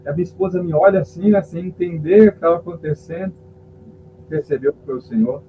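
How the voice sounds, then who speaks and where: In a fast, slightly high voice, a man who is a pastor relates his emotional testimony on a podcast, voicing the characters in the story himself. The recording has a tinny, telephone quality and a faint hum.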